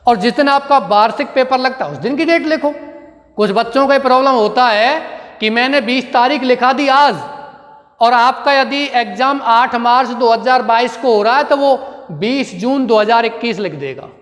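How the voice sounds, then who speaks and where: A man's voice: very high-pitched, normal speed, a bit bright. A male teacher giving a grammar lesson, asking his students questions and answering them himself while dictating. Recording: long reverb of a room.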